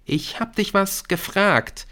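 A man's voice: high-pitched, sing-song, unhurried, a bit bright, pitched above the performer's own voice, exaggerated voice. A man voicing a prying, affected teenage schoolgirl in an audiobook. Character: prissy gossiping teenage schoolgirl.

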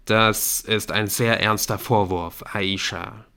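A measured schoolteacher in an audiobook, speaking with a fairly low, steady voice, as a man puts him on. He sounds firm and controlled. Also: gravelly, smooth, exaggerated voice. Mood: calm authority. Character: calm adult male schoolteacher. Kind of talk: audiobook character voice.

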